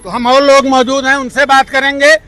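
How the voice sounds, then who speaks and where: A man's voice: very high voice, little pitch movement, a little fast, pushed and bright. A man reporting on the street, firing pushy, leading questions at passers-by outdoors. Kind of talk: provocative street interview.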